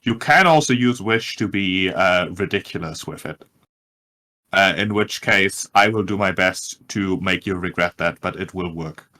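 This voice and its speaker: A man's voice: low voice, unhurried, bright, forceful tone. A man running a tabletop game, narrating and giving rulings casually as game master.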